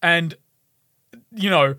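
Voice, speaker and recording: A man's voice: on the high side, drawn-out words, bright, forceful tone, no echo, clean studio sound. A man co-hosting a casual gaming podcast, telling a story animatedly, swearing and laughing often. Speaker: podcast co-host.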